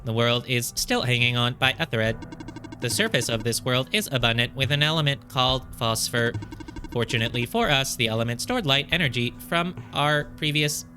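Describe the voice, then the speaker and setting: With music playing behind him, a man with a mid-range, fairly everyday voice reads game dialogue aloud in a let's play, moving at a moderate pace with lively intonation. He voices a polite, formal robot guide in a stiff, stately, solemn manner.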